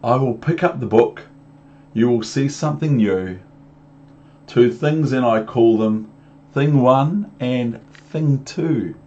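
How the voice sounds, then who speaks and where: A man with a New Zealand accent voicing a playful, confident cat showman from a children's storybook, with emphatic, drawn-out delivery. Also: mid-range voice, darkish tone, lo-fi sound, pitched above the performer's own voice, close to an everyday voice. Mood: proud announcing.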